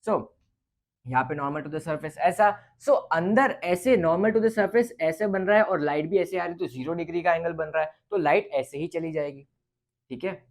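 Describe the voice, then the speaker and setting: Casual physics teacher talking through problems. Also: male voice, a little high, moderate pace. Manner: casual, repeats "ठीक है" and thinks aloud. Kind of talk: explaining a lecture on light.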